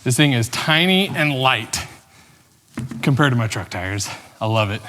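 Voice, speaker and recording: A man's voice: medium pitch, lively intonation, unhurried, a bit bright, big-room sound, slight background noise. A man casually explaining car work step by step as a DIY vlogger, chatty with dry joking asides. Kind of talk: casual how-to narration. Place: home garage.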